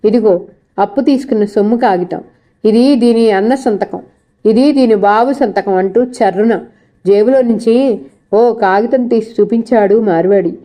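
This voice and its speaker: Woman reading a novel, mellow voice. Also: mid-range voice. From India. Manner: reads dialogue with small shifts of voice and pace.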